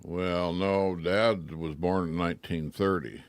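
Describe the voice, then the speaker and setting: An older man from rural Washington state joins a casual radio chat in a studio, his deep voice steady and slow on a dry recording. He's folksy and plainspoken, keeping his answers short.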